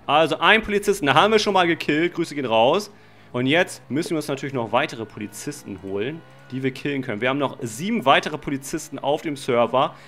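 A man giving excited Let's Play commentary on a game, talking to his viewers as friends, with slangy asides and sudden shouted outbursts. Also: a little high, fast, slight background noise. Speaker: gaming channel host.

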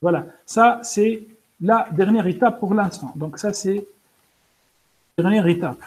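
Programming instructor, male, high-pitched and slow-paced, hesitant, lots of "euh", explains to students step by step. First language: French-speaking, pronounces English words poorly. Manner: hesitant, many fillers and restarts. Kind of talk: live coding lesson.

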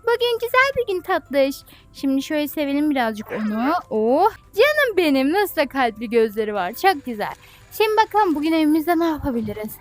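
Woman, very high pitch, lively bouncy intonation, playful gameplay commentary, excitable, squealing. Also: brisk. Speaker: gaming YouTuber.

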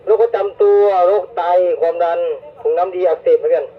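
A man's voice: high-pitched, fairly quick, husky. A man on a rescue unit, speaking over a walkie-talkie and reporting in clipped, formal radio codes and numbers. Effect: heard over a walkie-talkie radio. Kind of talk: radio dispatch call. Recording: tinny two-way radio with faint hiss.

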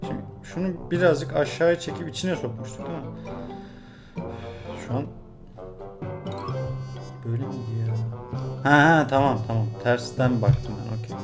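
A man's voice: mid-range voice, normal speed, long pauses, music in the background. A young man from Turkey chatting casually on his vlog as he works a puzzle, muttering and grumbling in mock frustration. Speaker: YouTuber solving a puzzle. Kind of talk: casual vlog chat while solving a puzzle.

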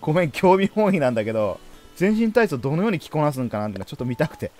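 Lively chatty man narrating gameplay. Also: fairly high pitch, very fast, faint music behind. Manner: chatty, talks playfully to game characters. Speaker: game streamer. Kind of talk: let's play commentary.

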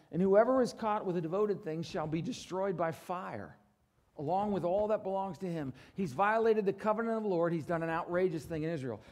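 A middle-aged male preacher gives a sermon on a church stage, moving back and forth between loud, emphatic declarations and quiet, low asides. Along the way he seeks agreement from the congregation.

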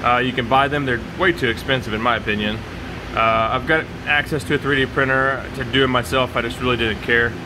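A man talks through his garage build in a relaxed, unscripted way, filling pauses with ums and uhs. His voice sits at an ordinary middle pitch. It sounds like a home DIY video recorded on the spot. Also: background noise. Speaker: DIY vlogger. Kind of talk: casual walkthrough narration.

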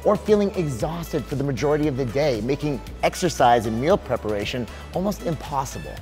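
A man in his forties, a fitness coach hosting a promo, talking in an upbeat, energetic, salesy way on a lapel mic in a bright studio. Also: medium pitch, brisk, faint music behind. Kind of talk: scripted promo pitch. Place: large bright indoor studio.

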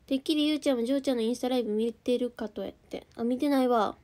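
A woman's voice: a little high, very fast, mellow. A young woman with a Kansai accent chatting casually on a livestream, reading out viewer comments and answering them. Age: young adult. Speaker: idol group member streaming live.

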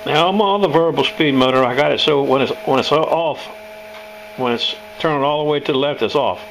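A man's voice: on the high side, a little fast, creaky, a bit bright, slight background noise, poor audio. An older man, casually demonstrating tools in his home workshop, rambling and folksy. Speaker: knife sharpener showing his shop tools.

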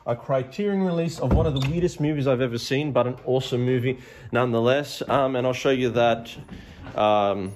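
A man's voice: medium pitch, brisk. A man talking casually while eating on camera, rambling with plenty of ums and the odd swear word, filmed on a phone at home. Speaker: mukbang vlogger. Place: room at home. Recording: roomy with faint noise.

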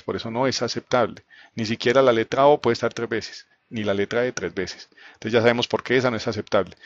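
A man teaching a live online programming class, walking through code on screen. He explains step by step, quizzes the students and often checks in with a quick question. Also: mid-range voice, a bit bright, highs cut off. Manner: explanatory, asks students questions, frequent fillers like "entonces" and "¿cierto?". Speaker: programming instructor.

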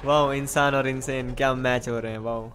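A man chatting and joking with friends while racing in an online game, teasing and breaking into excited shouts. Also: mid-range voice, normal speed, soft background music. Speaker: streamer. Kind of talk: casual gaming banter.

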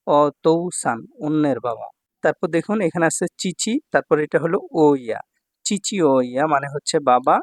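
A man's voice: fairly high pitch, dry recording, clean studio sound. A male Japanese language teacher explaining kanji patiently, repeating words and often checking that students follow. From Bangladesh.

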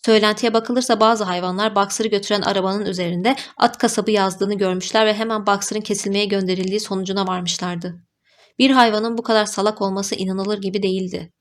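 A woman's voice: medium pitch, steady tone, fairly quick. Woman reading an audiobook. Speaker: audiobook reader. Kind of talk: scripted narration.

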